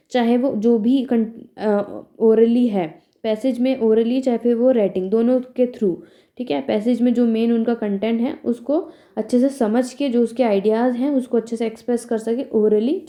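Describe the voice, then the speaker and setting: A young woman teacher gives an exam revision lecture in a soft, mellow voice that sits a little high. She moves between Hindi explanations and slowly read English points. She keeps asking questions and answering them herself.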